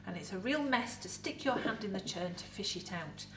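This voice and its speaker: A middle-aged English-accented woman, a museum educator in costume, gives a lively, chatty talk to camera about food, using props on an indoor set. Her pitch is medium and her pace moderate. The voice sounds distant in a roomy echo, with a slight hiss or hum.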